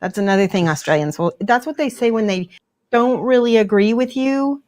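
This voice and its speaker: A woman's voice: on the high side, moderate pace, darkish tone. A woman chatting casually while she paints miniatures on a livestream. She laughs often and often restarts her words.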